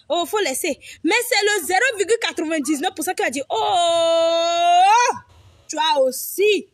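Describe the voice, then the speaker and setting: Young woman vlogger, high-pitched, preachy and foul-mouthed, lecturing her audience. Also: dry recording, studio quality. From Togo. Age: young adult. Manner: emphatic, repetitive, preachy; blunt, swears freely. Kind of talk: direct-to-camera advice monologue.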